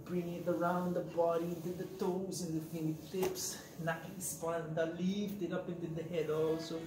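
A man's voice: on the high side, flat delivery, moderate pace, distant mic, noisy background. A man with a Filipino accent, talking casually as a coach and guiding breathing. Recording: echoey room with music behind.

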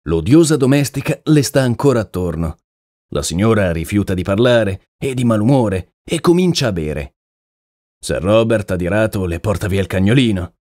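A man voicing a shrewd, calm male detective in an audiobook, asking measured questions. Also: lowish voice, no room sound, clean studio sound, natural voice. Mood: probing. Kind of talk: audiobook character reading.

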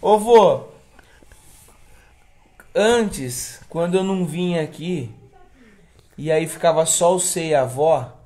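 A man's voice: a little high, slow, pauses often, dark tone. Young Brazilian man hosting a casual stream. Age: young adult. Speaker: grandson hosting a live stream. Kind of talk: casual teasing chat. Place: living room.

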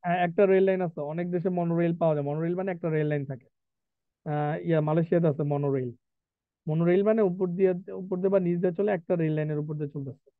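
Male vocabulary tutor, light high voice, quizzes students, tinny phone-like sound. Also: fairly even intonation, smooth, dry recording. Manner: asks students questions, reads definitions slowly. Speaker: English vocabulary teacher. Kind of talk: live class lecture mixing Bengali and English.

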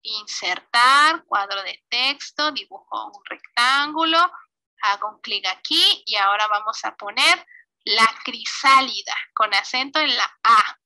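A woman's voice: fairly high pitch, animated, measured pace, pushed and bright. A woman with a Mexican Spanish accent teaching an online computer class, walking through each step patiently and checking in often. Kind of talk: online class screen demonstration.

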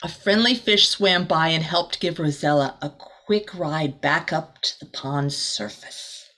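In a small indoor room, a middle-aged woman with a deep voice reads a children's storybook aloud as a teacher. Her reading is expressive and deliberate, with small asides to the listeners.

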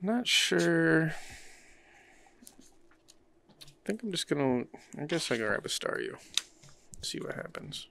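A man's voice: a little high, very animated, takes it slowly, creaky, pauses often, bright, forceful tone. A man hosting and playing a card game, thinking aloud in an easygoing way. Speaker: card game player and channel host. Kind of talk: casual play-by-play while playing a card game.

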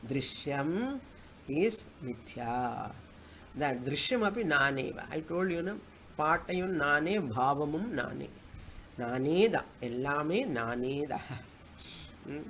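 South Indian man teaching slowly, background noise. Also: a little high, animated, fairly bright tone. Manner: didactic, asks and answers own questions. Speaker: Vedanta teacher. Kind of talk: spoken scripture class with chanted Sanskrit verses.

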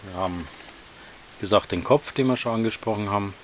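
Lockerer Sammler mit tiefer Stimme. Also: male voice, on the low side, slight background noise. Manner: relaxed, slightly halting, describes while handling. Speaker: toy collector reviewing action figures. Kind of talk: casual hands-on review.

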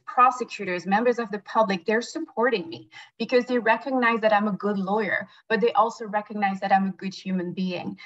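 French-accented woman in her 40s, candidate pitch, emphatic and earnest, dull webcam sound. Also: a bit bright. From France. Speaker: judicial candidate and prosecutor. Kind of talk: campaign speech. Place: indoors, small plain room. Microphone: webcam on a video call. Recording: dull lo-fi video call audio.

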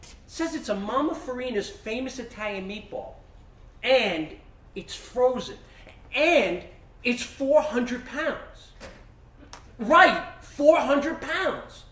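A frazzled, rambling man, played by a stage actor in a live comedy, his voice pitched very high and swooping all over as he fumes. He sounds roomy and distant, picked up from across a theater stage with a faint hiss behind him. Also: lively intonation, slow pace, fairly bright tone, full character voice. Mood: exasperated. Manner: exasperated, rambling, talking to himself. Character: flustered middle-aged man baffled by a giant meatball.

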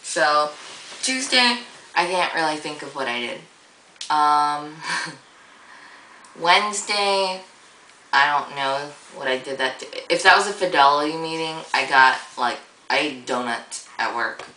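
A woman's voice: sits low, lively intonation, a little slow, bright, forceful tone, roomy sound, distant mic, rough recording. A young woman vlogging in a rambling, casual way, full of fillers and easy swearing, with a groggy morning voice. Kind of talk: casual vlog monologue.

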